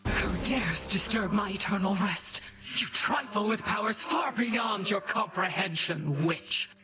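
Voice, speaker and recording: A man's voice: high-pitched, measured pace. A man voicing a theatrical ghost in a video game, pompous and melodramatic, over music. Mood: mock menacing. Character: theatrical ghost putting on a spooky haunting. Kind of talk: video game character acting. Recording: music behind the voice.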